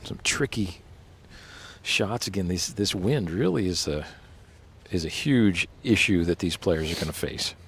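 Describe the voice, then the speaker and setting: A man's voice: sits low, animated, a little slow, a bit bright, husky. A man giving live golf commentary and analysis of the play.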